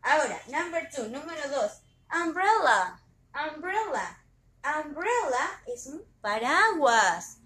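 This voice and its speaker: A high, very lively woman teaching young children, patient and unhurried, asking questions and repeating each word. She sounds like she is in a roomy, echoey space with faint background noise. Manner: slow, patient, asks questions and repeats words. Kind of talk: bilingual lesson for young children.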